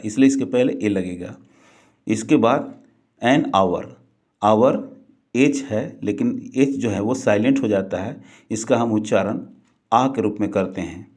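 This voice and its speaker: A man teaching grammar, asking questions and then answering them himself, repeating words slowly. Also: lowish voice, a little mellow. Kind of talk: grammar lesson.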